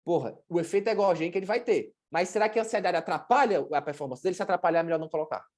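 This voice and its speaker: Fast-talking woman teaching a workshop. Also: fairly low pitch, darkish tone. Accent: Brazilian Portuguese. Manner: chatty, blunt, with slang and acted-out examples. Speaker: workshop presenter, sports nutrition. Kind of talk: informal teaching talk.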